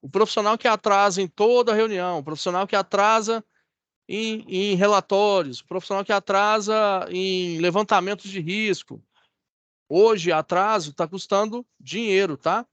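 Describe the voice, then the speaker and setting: A man's voice: high voice, steady tone, normal speed, fairly bright tone, clean tone, no room sound, muffled recording. A man with a Brazilian Portuguese accent teaching an online class over a video call, in a conversational way that keeps checking in with his students. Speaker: course instructor.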